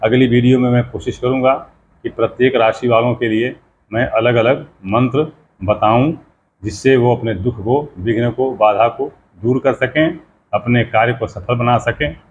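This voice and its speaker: A man, a pandit, explaining how mantras should be pronounced, slowly spelling out sounds and repeating words. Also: mid-range voice. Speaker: pandit teaching mantra pronunciation. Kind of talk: explanatory teaching talk. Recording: slightly dull lo-fi sound with faint background noise.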